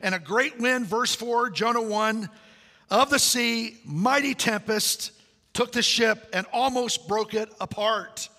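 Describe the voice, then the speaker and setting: Bright-voiced man preaching in a reverberant hall. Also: extremely high pitch, slow. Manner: animated, jokey storytelling with acted-out dialogue. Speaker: pastor. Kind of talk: sermon. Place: large church sanctuary.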